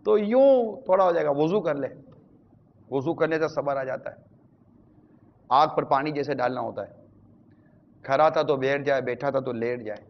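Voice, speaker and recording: A man's voice: medium pitch, long pauses, lo-fi sound. A man giving a conversational sermon on marriage as an Islamic preacher, speaking straight to his viewers.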